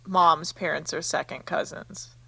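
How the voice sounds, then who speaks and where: A woman's voice: low-pitched, fairly even intonation, unhurried, creaky, sharp tone, slightly rough. A woman from the United States, a podcast guest chatting casually in a laid-back, matter-of-fact way. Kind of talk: casual chat.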